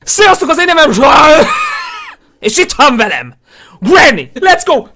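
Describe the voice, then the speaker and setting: A man giving let's play commentary on a horror game, breaking into loud screams and panicked shouts. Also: very high-pitched, big pitch swings, faint music behind. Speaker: gaming YouTuber.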